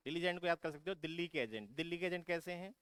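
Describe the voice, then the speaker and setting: Drilling coaching teacher, smooth voice. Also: male voice, fairly high pitch, rapid-fire, a bit bright, no room sound. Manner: constantly checks in with students, asking questions and answering them himself; calls students "beta". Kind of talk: vocabulary lesson for exam prep.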